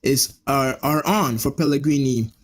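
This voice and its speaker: A man hosting a live football watch-along, chatting casually to viewers and getting excited when a chance comes. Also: unhurried. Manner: chatty, jumping up in pitch at chances on goal. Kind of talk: casual live match commentary to a chat.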